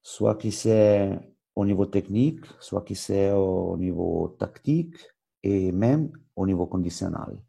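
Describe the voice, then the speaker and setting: A man with an Italian accent presents a coaching webinar in a low, gravelly, soft-edged voice. He goes slowly and haltingly, searching for words in a language that is not his own. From Switzerland. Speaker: football coach educator.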